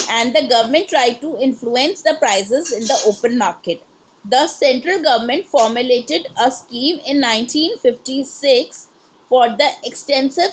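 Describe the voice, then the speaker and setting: A woman with an Indian English accent, giving an online lecture as a course counsellor and explaining things in a steady way. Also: high voice, poor audio. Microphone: video call.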